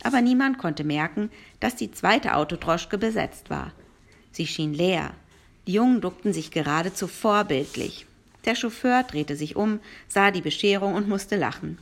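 A woman narrating a children's novel aloud in a lively storytelling manner. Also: mid-range voice, normal speed.

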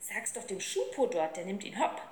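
A woman's voice: medium pitch, sing-song, moderate pace, a little mellow, a little hiss or hum, close to an everyday voice. A woman reading aloud, voicing a cheeky, slangy street boy. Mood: brash. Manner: brash, slangy, eager. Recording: roomy with faint ambience.

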